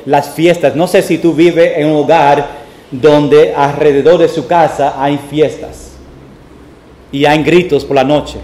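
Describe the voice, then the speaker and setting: A man preaching a Sunday sermon as pastor, slow and deliberate, with homely family examples and a few English words mixed in. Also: a little high, darkish tone. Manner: mixes English words into Spanish. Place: church sanctuary. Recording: echoey church room.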